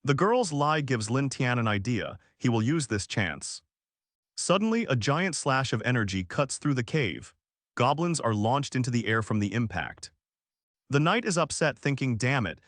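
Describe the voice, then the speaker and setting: Reading scripted narration of a comic recap, a man lets his pitch rise and fall animatedly at a normal speed. His voice is close and dry with almost no room sound and no echo, and he delivers quoted lines in the same plain narrating voice.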